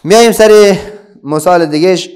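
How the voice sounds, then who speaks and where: A man with an Afghan Dari accent teaching a children's reading lesson. He asks his pupils a question, then answers it himself, with many pauses and fillers. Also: high-pitched, a little mellow.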